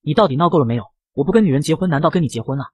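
A man's voice: a little high, animated, racing, darkish tone, breathy edge, no room sound. A man voicing an arrogant, domineering rich young man in a comic narration, cold and bossy. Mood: angry.

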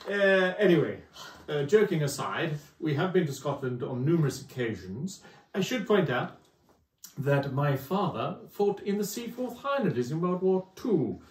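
A man's voice: a little high, very animated, moderate pace. Casting: a jokey, rambling man hosting a home video, heard from a distance in a roomy space. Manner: jokey, rambling with many fillers. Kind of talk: casual chat to camera. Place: living room at home. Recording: roomy echo, mic at a distance.

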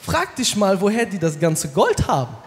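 A man's voice: sits high, huge pitch swings, normal speed. A man voicing a laid-back talking male shark who talks in street slang and lectures in a chummy way, on a comedy stage. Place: comedy stage before a live audience. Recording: hall reverb, faint crowd.

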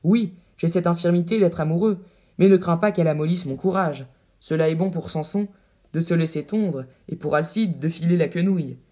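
A man's voice: a little high, brisk, warm tone, natural voice. A man voicing a boastful, swaggering braggart captain with pompous, grandiloquent bluster in an audiobook reading. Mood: pompous boasting.

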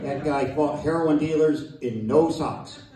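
A middle-aged American man doing a stand-up comedy routine with deadpan, sardonic, profane rants. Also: fairly high pitch, unhurried. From United States. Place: live comedy venue with audience laughter. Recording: echoey distant venue recording.

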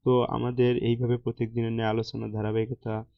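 A man with a Bangladeshi Bengali accent works through exam questions one by one, reading each question and then giving the answer with short examples. His voice stays flat and even in pitch. The recording is dry and a little dull, with no room sound. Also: fast talker, creaky, dry recording. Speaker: teacher.

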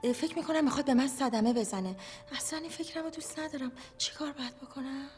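A woman's voice: high-pitched, lightly acted. An actress playing an anxious divorced woman. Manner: hesitant, anxious confiding. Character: divorced young woman, fearful and mistrustful. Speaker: therapy patient. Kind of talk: film acting.

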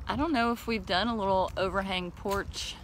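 A middle-aged woman leads a casual walking tour of the tiny homes she builds, chatting and laughing easily as she guides viewers around an outdoor building lot and through the houses. Her voice is medium-pitched and steady at a normal speed. The audio is poor, with crowd noise.

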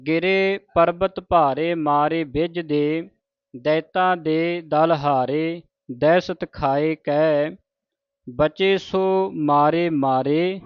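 Male scripture teacher, slow deliberate recitation, dry close sound, slightly dull recording. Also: fairly high pitch, clear, resonant tone, no echo. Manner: measured, deliberate recitation with short explanations.

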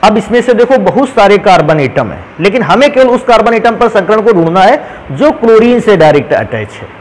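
A man's voice: high voice, sing-song, a little fast, low-quality recording. A man teaching a chemistry lesson step by step, calling his students "beta" as he works through examples. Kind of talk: whiteboard lesson.

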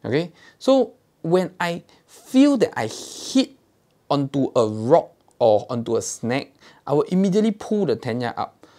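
A man in his thirties with a Singaporean English accent hosts a fishing tackle shop channel, walking through gear step by step in a casual tutorial to camera. He demonstrates items with his hands and checks in with "okay?". His slightly high, mellow voice swings widely in pitch at a measured pace, recorded on a lapel mic in a small indoor studio.

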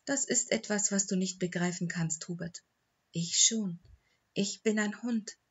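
In an audiobook, a woman voices a calm, loyal old female dog, sounding soothing, matter-of-fact and gentle with a slightly husky tone. Her pitch is medium, her pace a little slow, and the sound lo-fi.

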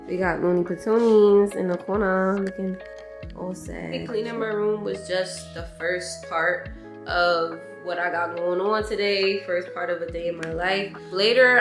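A young woman talking casually to her viewers in a day-in-the-life vlog, candid and loose. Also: lowish voice. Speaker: vlogger.

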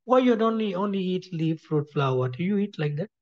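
A man doing a gently teasing old teacher. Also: sits high, expressive, fairly quick, pitched above the performer's own voice. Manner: questioning, teasing back. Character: older male spiritual teacher, gently teasing. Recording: dull lo-fi recording.

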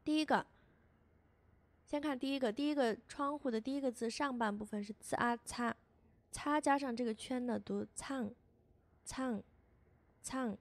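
A woman teaching a beginner language lesson as a voice-over, patiently repeating each sound slowly for learners. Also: a little high, no echo.

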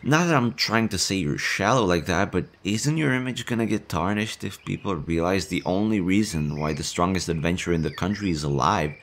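A voice actor with a deep voice plays a timid young male slime monster in an audio roleplay. He sounds nervous and stammering, quick to worry.

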